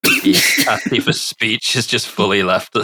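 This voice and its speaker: A man's voice: on the low side, animated, moderate pace, sharp tone. A man co-hosting a podcast, chatting playfully and laughing. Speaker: podcast co-host. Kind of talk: casual comedic chat.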